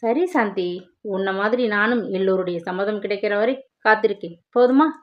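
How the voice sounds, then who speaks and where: A woman's voice: medium pitch, moderate pace, lo-fi sound. A woman reading a romance novel aloud, speaking every character's lines herself between the narration.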